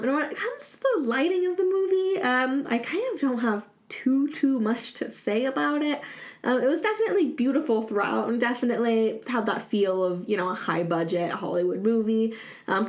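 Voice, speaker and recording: A woman giving a casual spoken film review, chatty and full of hesitations, often laughing as she talks. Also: mid-range voice. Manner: chatty, lots of ums and restarts, laughs often.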